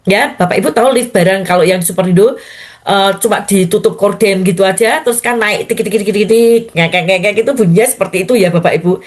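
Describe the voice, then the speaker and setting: A woman's voice: medium pitch, quick pace. Older woman pastor telling a testimony. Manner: storytelling, addressing listeners as Bapak Ibu. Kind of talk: testimony in a morning prayer sermon.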